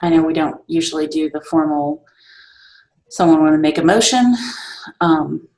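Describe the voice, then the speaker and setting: A woman chairing a casual online group meeting, relaxed and chatty, laughing often. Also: deep voice, moderate pace, roomy sound, low-quality recording. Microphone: video call.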